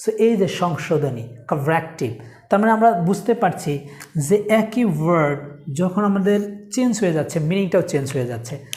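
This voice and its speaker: Woman, English teacher, slightly low voice, reads each example slowly, keeps asking "right?", echoey room. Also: animated, warm tone. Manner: reads English sentences slowly, then explains in Bengali; often asks "right?" to check understanding. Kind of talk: spoken English lesson.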